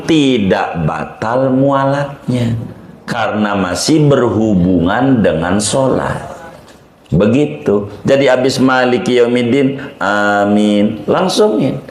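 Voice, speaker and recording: A man from Banten, an Islamic cleric giving a chatty, joking religious lesson to a live audience. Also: medium pitch. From Banten, Indonesia. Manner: jokey, chatty, repeats "begitu", chuckles often. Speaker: Islamic cleric teaching a study group. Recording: roomy hall recording with crowd.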